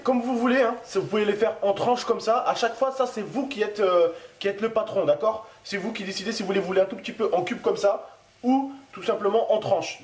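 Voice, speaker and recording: A man hosting a casual cooking demonstration, chatty and joking as he talks straight to the viewers, with a pan sizzling. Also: sits high. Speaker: cooking video host. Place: home kitchen. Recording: roomy kitchen with frying noise.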